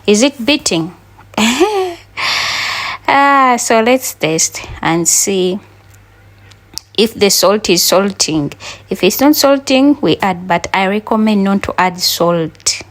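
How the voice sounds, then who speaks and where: A woman's voice: medium pitch, lively intonation, slow pace. A woman from Uganda with a Ugandan accent, chatting to her viewers as she cooks breakfast in a casual vlog. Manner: chatty, talks to viewers while cooking. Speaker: cooking vlogger.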